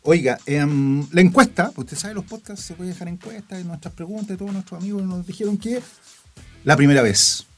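A man's voice: high-pitched, a little fast, a bit bright. A Chilean man co-hosts in a casual, colloquial way, with a teasing edge. His voice sits a bit above average, over light background music. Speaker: podcast co-host. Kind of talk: casual chat.

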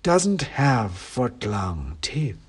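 A man voicing a sly, taunting giant male cat, speaking in a slow, throbbing, whispery voice as he reads an audiobook. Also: medium pitch, sing-song, breathy edge, exaggerated voice. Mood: mocking. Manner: slow, drawn-out, mocking. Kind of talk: audiobook reading.

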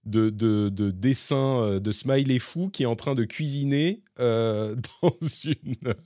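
A man's voice: medium pitch, takes it slowly, warm tone, no echo, clean studio sound. A man with a slightly hybrid French accent co-hosting a casual tech podcast, explaining with many fillers and restarts. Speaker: podcast co-host.

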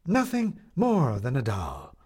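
A man reading a story, voicing a grandiose male showman who milks a crowd with drawn-out proclamations. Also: wildly swooping pitch, darkish tone, breathy edge, heavily acted. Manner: theatrical, booming, drawn-out proclamations.

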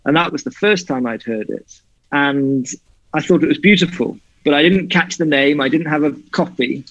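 A man from Wales, appearing as a guest, reads one of his poems aloud and then discusses it in an earnest, reflective interview over a video call, his light Welsh accent audible. His voice is a little high and moves at normal speed, with no room sound. The call audio comes across dry and slightly muffled.

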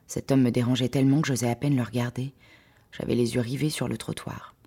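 A woman narrating a first-person story in a wry, sarcastic, lively way. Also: extremely low pitch, fast, breathy edge.

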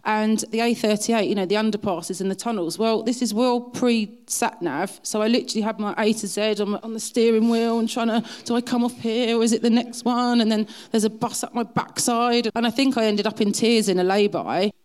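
A woman's voice: a little high, steady tone, a little fast, few pauses, darkish tone. A middle-aged woman with an Essex accent telling anecdotes in a chatty, self-deprecating way as an interview guest. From south-east England. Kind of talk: casual anecdotal chat.

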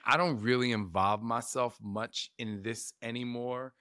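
A man's voice: mid-range voice, fairly even intonation, a little slow, sharp tone, clear, resonant tone, dry recording, clean studio sound. A middle-aged man hosting a self-help podcast, talking casually with lots of "like" and asking listeners reflective questions. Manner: casual, conversational, full of "like" and asides, coaching listeners with questions. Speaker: podcast host.

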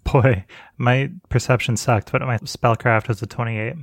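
Man, tabletop player, gravelly voice, eager. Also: mid-range voice, fairly even intonation, unhurried, no echo, studio quality. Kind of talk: casual tabletop play.

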